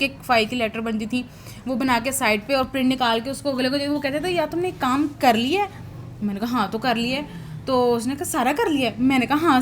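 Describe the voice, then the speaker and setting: A woman with a notably high voice shares a personal testimony in a prayer session. She rambles and hesitates, often restarting sentences as she recalls her office work. A faint hiss sits under her voice.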